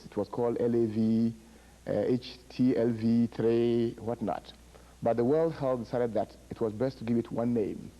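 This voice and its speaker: Over a rough recording, a warm, mid-range voice belongs to a middle-aged director of a public health project from Ghana. He recounts the history of a disease slowly and haltingly, leaning on fillers and repeating words.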